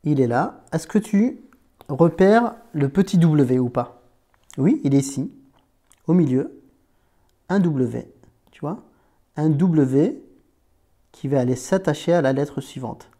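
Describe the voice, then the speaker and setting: Slightly high-voiced with a dark tone and lively intonation, a man patiently guides a beginner through Arabic letters. He's informal, uses "tu," asks "d'accord?" to confirm understanding, and sounds out syllables slowly.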